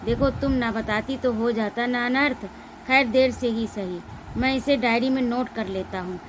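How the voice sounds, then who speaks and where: A woman's voice: fairly high pitch, moderate pace, slight background noise, lightly acted, poor audio. A woman reading aloud as a stingy, scolding male employer in a one-act play. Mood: stern. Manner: stern, accusing, shouting in anger.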